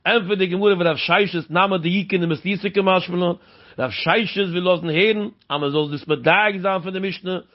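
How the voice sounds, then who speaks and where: A man's voice: high-pitched, moderate pace. A man explaining a Talmud passage in a sing-song cadence, asking rhetorical questions along the way. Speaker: Talmud teacher. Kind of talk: Talmud study lecture. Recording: dull lo-fi recording.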